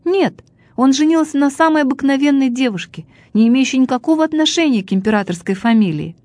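A woman's voice: sits high, expressive, fast, a little mellow, dry recording, pitched above the performer's own voice. A woman voicing a resolute young female student who answers bluntly in a storybook reading. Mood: defiant.

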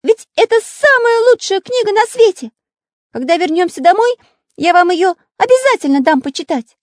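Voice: extremely high pitch, brisk, no room sound, studio quality, pitched above the performer's own voice. A reader voicing a kind, earnest male artist in a storybook reading, with an earnest, indignant manner. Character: kind, earnest male artist who draws with his nose.

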